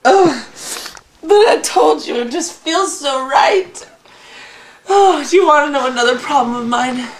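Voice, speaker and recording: A man's voice: very high-pitched, expressive, unhurried, roomy sound, a little hiss or hum, exaggerated voice. A man playing a shaky, disturbed patient in a comedy sketch, with a quavering, giggly voice that drops to whispers and rises to wails. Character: shaky disturbed man confessing odd flaws. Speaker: therapy patient.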